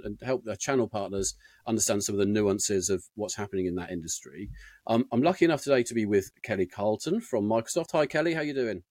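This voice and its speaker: A man's voice: lowish voice, a little mellow, dry recording. A man hosting an interview podcast in a chatty, unscripted way, his diction slightly slurred and sticky-lipped. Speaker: podcast host, IT consultant.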